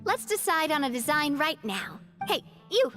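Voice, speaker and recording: A woman's voice: high voice, normal speed, heavily acted. A woman playing a cheerful, teasing young woman president in an anime-style video game. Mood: eager, teasing. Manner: breezy, animated, teasing. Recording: game music faintly behind.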